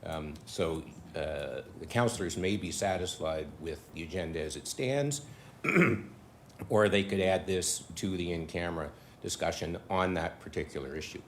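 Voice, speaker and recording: Male solicitor, very low voice, careful cautionary advice to council. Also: unhurried, a little hiss or hum. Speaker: town solicitor. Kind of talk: legal advice at a council meeting.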